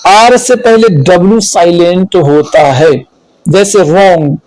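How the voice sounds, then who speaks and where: A man teaching English spelling rules, slow and deliberate, repeating each rule and listing examples. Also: sits high, a little mellow, no room sound, rough recording. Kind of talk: spelling lesson explained in Hindi.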